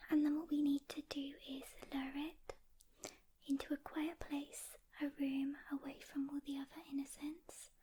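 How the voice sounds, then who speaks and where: In this close-mic ASMR piece, a woman whispers as a calm demon hunter who kindly comforts a rookie, leaving pauses between lines. Her pitch is high, with a little background noise.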